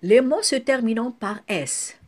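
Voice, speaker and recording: Slow, lively-voiced woman teaching French spelling. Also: fairly high pitch. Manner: spells out syllables one by one, with occasional self-corrections. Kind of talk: slow classroom explanation.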